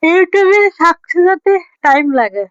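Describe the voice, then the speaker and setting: A woman's voice: very high voice, very animated, slow, a bit bright, dry recording, muffled recording. A woman chatting casually with her husband, teasing and playfully scolding him. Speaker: vlogger.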